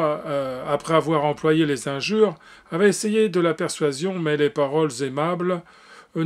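Brief: male amateur narrator, slightly high voice, hesitant delivery with fillers, classic novel read aloud. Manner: hesitant, with frequent fillers and restarts. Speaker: audiobook reader.

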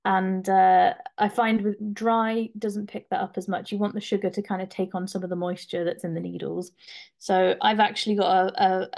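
A woman's voice: mid-range voice, creaky. A woman giving a chatty, informal craft demonstration in a live webinar, on a home video call. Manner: chatty, informal, with fillers and restarts. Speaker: craft presenter.

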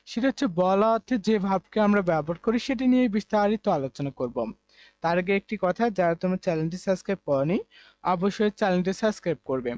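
A man's voice: high-pitched, a little mellow, dry recording, muffled recording. A man from Bangladesh teaching an online English lesson, repeating word forms over and over and explaining with many fillers. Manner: repetitive drilling of pronunciations.

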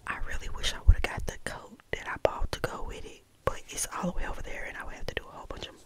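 ASMR vlogger: American woman, soft whisper right in the ear, breathy, close-miked, casual and unhurried chat. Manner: unhurried, chatty, close-up talking. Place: bedroom, indoors. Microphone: small desktop condenser mic held close.

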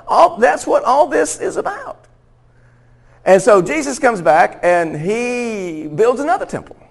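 A man's voice: extremely high pitch, creaky. Conversational male pastor teaching. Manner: conversational, laughs often, restarts and stumbles. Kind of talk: sermon teaching.

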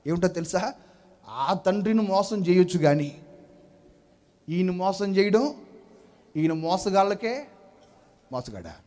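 A man's voice: high voice, lively intonation, slow pace, long pauses, darkish tone. A male pastor preaching a sermon, telling a story with acted-out voices and questions to the congregation.

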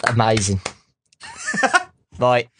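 A man's voice: on the low side, very slow, background noise. A man hosting a live panel, laughing and chatting casually. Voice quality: laughing, animated. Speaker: panel host.

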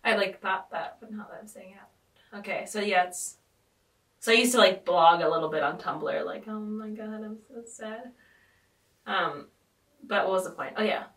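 This podcast host's voice is lowish and fairly bright, her pace normal, as she meanders through a relaxed chat packed with fillers and frequent "like." It's recorded on a distant mic in a roomy space.

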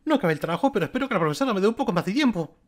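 Una colegiala adolescente de videojuego, sincera y fácil de asustar, que suelta exclamaciones agudas y chillonas, interpretada por un hombre que la imposta. La voz sube muy por encima de su tono normal y salta de altura con mucha viveza. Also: male voice, animated, rapid-fire. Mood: panicked. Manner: shrill exclamations. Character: flustered teenage schoolgirl, earnest and easily alarmed.

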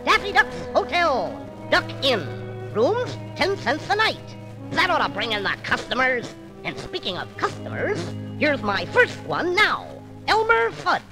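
A man voicing a scheming, boastful cartoon duck who talks slyly and fast, with music playing behind. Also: extremely high pitch, wildly swooping pitch, exaggerated voice, poor audio. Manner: sly, fast-talking, pleased with himself. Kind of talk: children's story record acting.

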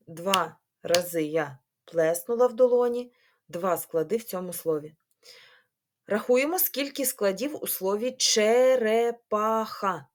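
A woman's voice: medium pitch, darkish tone. A woman teacher with a Ukrainian accent giving a remote reading lesson to young children, patient and sing-song, clapping out syllables. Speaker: primary school teacher.

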